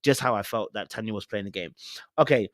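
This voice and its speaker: This young podcast host with a London accent speaks on the low side and at a brisk clip, with no room sound. He chats casually, offering slangy, strongly opinionated takes on reality TV and theatrical, lively retellings.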